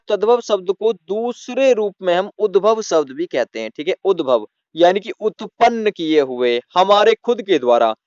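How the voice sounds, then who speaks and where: A man with a high, smooth, clear voice teaches Hindi grammar, often stopping to put questions to his listeners and then answer them himself. The sound is dry and close, with a slightly dull, muffled top end. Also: a little mellow, dry recording. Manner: repeats "theek hai dosto" and asks the class questions. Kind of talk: classroom-style lesson.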